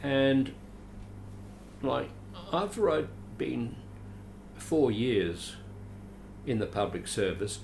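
An older Australian actor from Adelaide, a veteran of the stage and screen, reminisces as an interview guest, rambling chattily with dry, self-deprecating asides. His mid-range voice is gravelly and darkish, swinging widely in pitch, and he speaks extremely slowly with frequent pauses. A little hiss or hum sits under the recording.

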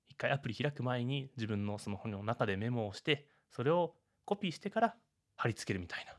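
Male podcast host, lowish voice, rapid animated delivery, dry close recording. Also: no echo. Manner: fast-talking, animated, chatty. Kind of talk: casual solo podcast talk.

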